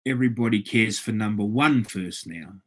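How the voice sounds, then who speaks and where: A man's voice: lowish voice, moderate pace. An Australian man hosting his own casual opinion talk, plain-spoken and rambling, often repeating himself. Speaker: vlog host.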